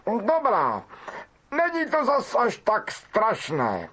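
Lockhart, a man doing a vain, high wizard professor. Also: wildly swooping pitch, fairly bright tone, breathy edge, heavily acted. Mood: evasive. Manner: affected, drawn-out, self-pleased. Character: vain evasive middle-aged male wizard professor.

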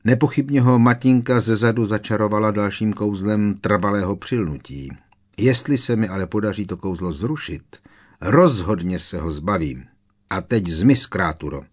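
A man's voice: fairly low pitch, expressive. A man voicing an irritable, scornful grown man who talks sharply and impatiently, in an audiobook.

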